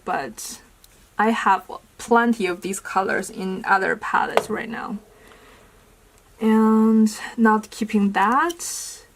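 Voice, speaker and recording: A woman's voice: mid-range voice, creaky, a little hiss or hum, low-quality recording. A young woman vlogger talking through a makeup declutter in a casual, thinking-aloud way. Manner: unhurried, thinking aloud with fillers. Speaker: beauty vlogger.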